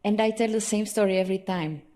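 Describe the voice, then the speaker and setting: A woman's voice: mid-range voice, fast, warm tone. A woman from Bulgaria, a guest in an interview, talking with enthusiasm and often restarting her words as she goes. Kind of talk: casual conversation.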